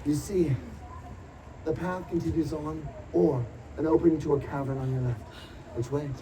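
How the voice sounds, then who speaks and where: A man hosting a live tabletop role-playing show as game master, narrating theatrically with dramatic, drawn-out suspense. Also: on the high side, steady tone. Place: outdoor stage at a Renaissance fair. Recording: distant mic, loud crowd and noise.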